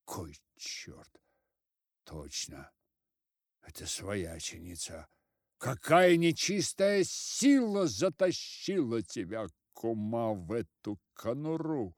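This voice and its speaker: Storybook figure: pompous grey one-eyed village head, blustering, read by a man, slow, dry. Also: mid-range voice, big pitch swings, no room sound. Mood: startled. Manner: blustering, shouting orders.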